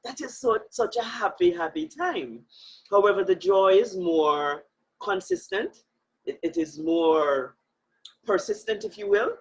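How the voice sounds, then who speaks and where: A woman guest in an interview talks reflectively, earnest and emphatic, with frequent laughter. Her medium-pitched voice is husky and sing-song, and she takes her time. The recording sounds muffled and lo-fi.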